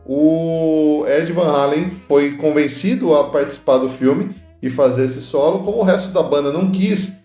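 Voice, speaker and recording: A man's voice: on the high side, moderate pace, few pauses, dark tone, roomy sound, faint music behind. A man co-hosting a podcast, chatting casually and recounting movie trivia with playful asides. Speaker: podcast co-host. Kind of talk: casual film chat.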